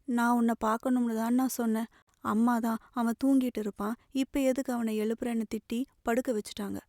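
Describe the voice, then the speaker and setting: A woman reading the part of a young college girl, a tearful younger sister speaking softly and plaintively. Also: on the high side, flat delivery, brisk, no room sound, studio quality, natural voice. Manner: soft, plaintive.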